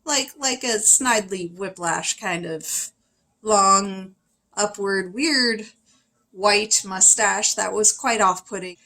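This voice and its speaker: A woman reviewing a film in a casual, opinionated way, chatty and animated, with sudden high exclamations. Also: slow, poor audio. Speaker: video reviewer.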